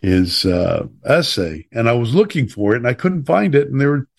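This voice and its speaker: A middle-aged man with a Chicago accent hosting a talk show, rambling and lively with many fillers. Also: mid-range voice, moderate pace, creaky. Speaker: podcast host. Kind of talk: casual chat.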